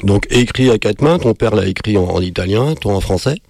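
A male interviewer puts his questions in a loose, conversational way. His voice is low and gravelly, and the recording is close and dry. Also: animated, brisk, darkish tone, dry recording.

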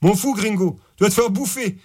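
Man putting on a dim-witted thug, taunting, slangy, high voice, storybook villain henchman. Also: a little fast, darkish tone, slightly rough.

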